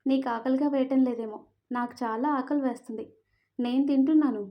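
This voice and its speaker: A woman voicing a young wife who pleads softly and tearfully. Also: high-pitched, steady tone, brisk, highs cut off. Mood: sulky.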